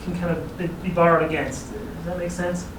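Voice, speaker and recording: At normal speed and with a level tone on the high side, a regional planning agency presenter briefs a city council in an easygoing, explanatory manner, chuckling at asides. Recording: echoey chamber, distant mic, clear background noise.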